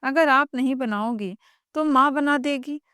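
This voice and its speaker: A woman's voice: high voice, measured pace, bright, forceful tone, no room sound, clean studio sound. A woman voicing a lazy, scheming young sister-in-law who talks in a mocking, shameless way. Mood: taunting.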